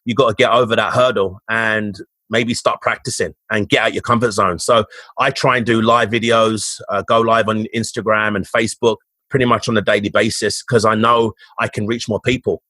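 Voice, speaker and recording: A Cockney man with a fairly low voice talks about his coaching work in a casual, motivational way. He restarts his sentences often. The sound is dry and close, with no room echo. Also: flat delivery, normal speed, sharp tone. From East End of London, England. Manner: upbeat, motivational, frequent restarts. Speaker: fitness coach, podcast guest. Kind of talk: casual interview talk.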